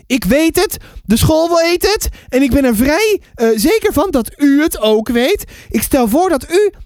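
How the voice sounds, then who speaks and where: A man reading a story aloud, voicing an indignant, prim older woman neighbour in a raised, shrill voice. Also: big pitch swings, measured pace, darkish tone, dry recording, clean studio sound, exaggerated voice.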